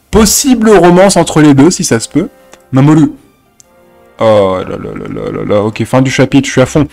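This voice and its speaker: Male reaction host, excitable and joking, mid pitch, light music under him. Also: gravelly. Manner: excitable, laughs often, jokey English asides. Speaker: reaction youtuber. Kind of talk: casual reaction commentary.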